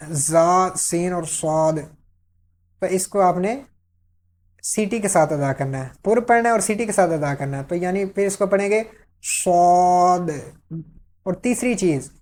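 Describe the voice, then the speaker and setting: A woman's voice: medium pitch, darkish tone. A woman teaching Quran letter pronunciation step by step, patiently drawing out each letter for learners to repeat. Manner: checks in with "ٹھیک ہے؟".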